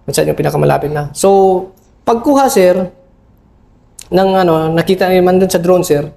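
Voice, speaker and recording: Gravelly, halting army officer. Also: male voice, high-pitched, darkish tone. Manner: halting, full of fillers and constant "sir"; respectful toward a senior officer. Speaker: army officer recounting a battle. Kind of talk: interview recollection.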